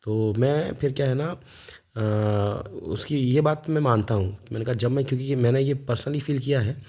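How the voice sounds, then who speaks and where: Man, 30s, from India; soft warm tone, rambling off-the-cuff monologue, lots of fillers and restarts. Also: medium pitch, moderate pace. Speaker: vlogger. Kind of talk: casual spoken monologue.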